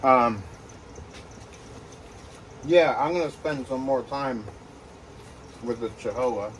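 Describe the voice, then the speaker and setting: A man who breeds reptiles talks casually in a vlog while handling geckos, with lots of fillers and soft reassurances to the animals. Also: mid-range voice, takes it slowly, a little hiss or hum. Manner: rambling, filler-heavy, coos softly to the geckos.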